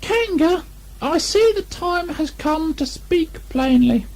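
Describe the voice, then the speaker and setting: A small anxious piglet: shrill, squeaky, flustered storybook animal. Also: male voice, animated, slow pace, vocal fry, a little mellow, heavily acted, poor audio. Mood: indignant. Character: small timid anxious young male piglet. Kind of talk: storybook reading.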